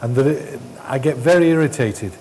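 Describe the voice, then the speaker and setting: A middle-aged man trains someone in endoscopy hands-on in a hospital training room, issuing brief blunt orders and offhand dismissive comments. He speaks at a moderate pace in a medium, slightly mellow voice, with a little hiss or hum in the background.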